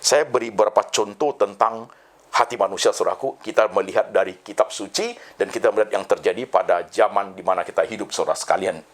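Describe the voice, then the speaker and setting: A male pastor preaching a sermon. He rises high on key phrases, drops low and soft on a repeated address to the congregation, and mixes English phrases into his talk. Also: fast.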